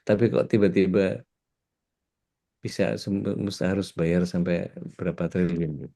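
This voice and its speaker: Man, religious teacher, low and dark voice, chatty and animated, tosses in english words. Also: measured pace. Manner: animated, acts out little scenes while explaining. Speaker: Islamic preacher, ustadz. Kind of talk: casual religious discussion.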